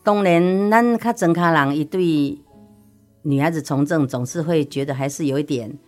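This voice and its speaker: A woman's voice: low voice, normal speed, a little mellow, faint music behind. A woman with a Taiwanese accent giving casual interview answers as a local politician, folksy and mixing in dialect phrases.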